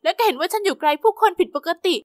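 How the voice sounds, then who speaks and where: A woman giving lively, expressive first-person scripted narration for an animated story. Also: extremely high pitch, racing, no echo, clean studio sound.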